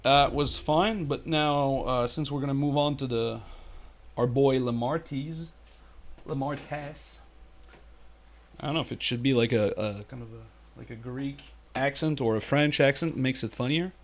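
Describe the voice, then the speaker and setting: A man's voice: medium pitch, moderate pace. A man hosting a live miniature painting tutorial, chatting casually and rambling with lots of fillers, joking and talking to his chat. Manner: jokey, talks to chat.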